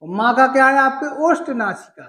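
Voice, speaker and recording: A man's voice: extremely high pitch, lively intonation, normal speed, sharp tone, roomy sound, rough recording. A male Sanskrit teacher from gives an exam-prep lesson, using homely examples and asking and answering his own questions.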